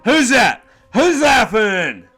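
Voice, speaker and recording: A man's voice: fairly high pitch, expressive, a little slow, soft background music, voice pushed up. A man voicing a crude, belligerent drunk male guard who jeers and swears constantly. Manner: slurring, jeering, swearing constantly.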